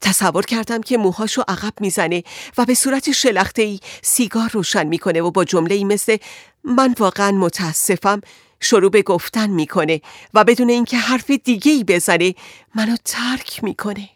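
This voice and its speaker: A woman's voice: mid-range voice, no echo, clean studio sound, natural voice. A woman voicing an anxious married woman who pleads and frets about her husband in an audiobook. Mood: distressed. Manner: agitated, pleading.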